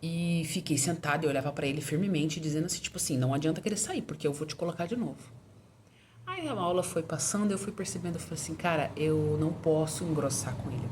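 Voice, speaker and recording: A woman with a low voice tells a family story to her viewers in a relaxed, chatty way. She lifts her pitch when she acts out what others said. Faint background noise can be heard under her voice. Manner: animated retelling, acting out quoted lines with raised pitch. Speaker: mother telling about her son.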